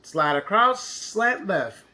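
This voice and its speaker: A man's voice: high voice, big pitch swings, takes it slowly, pushed and bright, slight background noise. A man teaching an interactive counting lesson to young children, encouraging, with exaggerated reactions and lots of questions.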